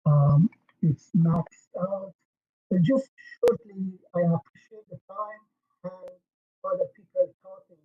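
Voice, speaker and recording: A man in his sixties giving halting public testimony over a crackly remote line that keeps fading out. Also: high voice, expressive. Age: 60s. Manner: halting, with many fillers and restarts. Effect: crackly, fading phone-like remote line. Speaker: public commenter at a hearing. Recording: tinny, faint remote line that fades out.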